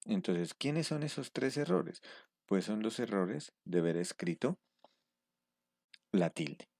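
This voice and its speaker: A man teaching step by step in a screen-recorded tutorial. He pauses often to check in with his students. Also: fairly low pitch, expressive, creaky, darkish tone, dry recording, studio quality. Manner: patient step-by-step explaining, checking in with a questioning "mm". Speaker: instructor.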